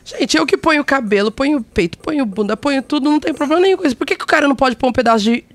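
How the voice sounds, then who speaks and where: A woman's voice: high-pitched, animated, rapid-fire, no room sound. A woman talking frankly as a guest in a casual studio chat.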